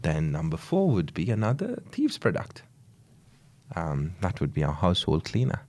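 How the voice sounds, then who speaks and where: A man's voice: deep voice, wildly swooping pitch, normal speed, darkish tone. A man from Sri Lanka, a podcast guest, chatting in an easygoing way with short agreeing replies. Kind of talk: casual podcast chat.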